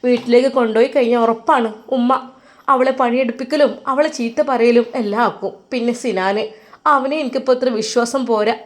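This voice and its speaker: A woman's voice: fairly high pitch, fairly even intonation, a little fast. A woman narrating a dramatic family story in an emotive, announcing way.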